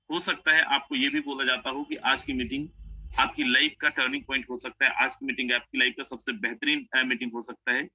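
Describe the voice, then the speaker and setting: A man's voice: mid-range voice, pushed and bright, dry recording, poor audio. A young man presenting an online sales webinar, persuasive and repetitive, mixing English phrases into his talk. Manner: persuasive, repeats "my friend", mixes English phrases.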